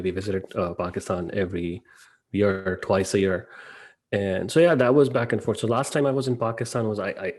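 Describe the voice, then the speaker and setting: A man's voice: deep voice, a little mellow. A man in his thirties who grew up in Dubai, a podcast guest talking casually and rambling with frequent fillers. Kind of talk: podcast interview.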